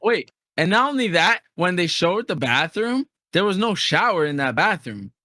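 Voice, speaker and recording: A man's voice: sits high, very animated, moderate pace, pushed and bright, no echo. Laid-back young man, dry close mic. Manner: laid-back, slangy, says "bro" a lot. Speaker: podcast co-host. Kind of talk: casual chat.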